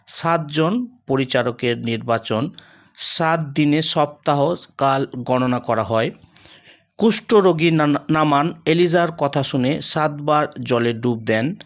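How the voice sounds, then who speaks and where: A man preaching a scripted devotional sermon in a measured, solemn way, slowing down for emphatic lists. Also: fairly high pitch.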